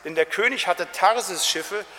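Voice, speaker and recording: High-voiced preacher in a reverberant hall. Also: male voice, moderate pace. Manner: lively, colloquial storytelling with acted quotes. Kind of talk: sermon.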